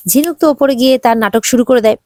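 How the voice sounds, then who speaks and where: A woman's voice: a little high, fast talker, darkish tone, no room sound, clean studio sound. A woman narrating a casual, chatty recap of a TV serial episode, restarting her sentences now and then.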